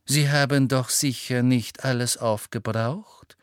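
A cold, sneering male teacher, voiced by a male reader, speaks in a smooth and sardonic drawl. Each word sounds indifferent and unhurried. The recording is close and dry. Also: mid-range voice, steady tone, no room sound, lightly acted.

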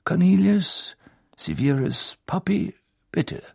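A man playing a wise old headmaster, quiet, measured and firm. His voice is soft and gravelly, with a husky edge. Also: high voice, sing-song, dry recording, studio quality, pitched above the performer's own voice, exaggerated voice. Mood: calm.

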